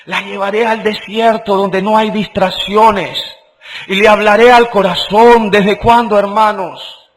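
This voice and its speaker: A man preaching a sermon, emphatic and deliberate, repeating phrases and swinging between loud exclamations and hushed low passages. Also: steady tone, a little hiss or hum, poor audio.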